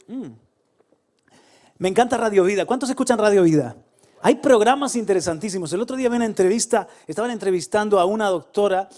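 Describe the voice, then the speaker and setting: A middle-aged pastor from Spain delivers a sermon in a fairly high voice with a Spain Spanish accent. He is animated, jumping from loud calls to quiet asides and chuckling through his own stories.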